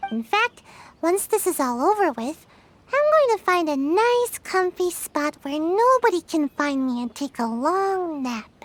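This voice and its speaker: A woman's voice: extremely high pitch, very animated, unhurried, exaggerated voice. A woman voicing a lazy, sleepy young girl ninja in a game, talking in a drowsy, offhand, teasing way. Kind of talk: game voice acting.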